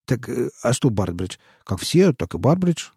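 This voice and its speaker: A man's voice: mid-range voice, sing-song, normal speed, warm tone, breathy edge, no echo, studio quality, exaggerated voice. A man reading aloud and voicing a fawning, frightened male snitch who pleads and wheedles in folksy slang. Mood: wheedling.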